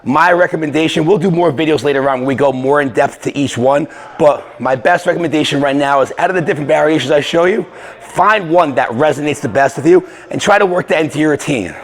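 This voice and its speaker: A man talking through a casual exercise tutorial as a fitness coach, energetic and conversational, a bit out of breath. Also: a little high, fast talker. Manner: energetic, conversational, with filler restarts.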